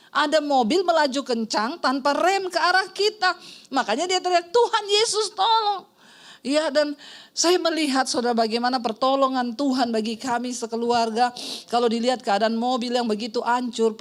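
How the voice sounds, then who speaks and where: High-voiced woman pastor preaching. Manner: storytelling with humor, quoting others in lively voices. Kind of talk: sermon. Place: church service with congregation.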